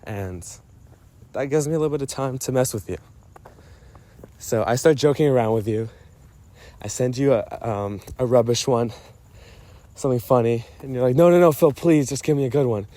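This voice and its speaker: A storyteller speaks casually to a friend in a personal voice memo, playful and self-mocking as he rambles, interrupts himself and drifts away from his point. His mid-range voice is dark in tone, at a moderate pace broken by long pauses.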